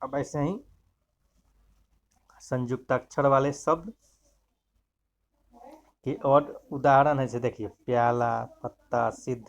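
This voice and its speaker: A man's voice: medium pitch, steady tone, slow, pauses often. A man teaching a grammar lesson, explaining step by step and pointing to examples as he goes.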